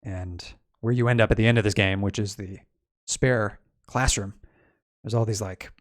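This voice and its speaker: A man's voice: fairly low pitch, fairly even intonation, moderate pace, no room sound, studio quality. A man giving casual game commentary, musing aloud and explaining as he plays. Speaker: game streamer explaining game music. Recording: music playing behind the voice. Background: video game music.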